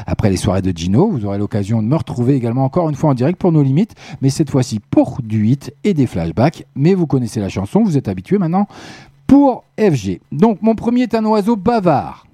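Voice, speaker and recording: A man hosting a live evening radio show, chatty and joking with listeners, his voice going hoarse. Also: medium pitch, big pitch swings, fast talker, warm tone, no echo. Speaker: radio host. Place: radio studio.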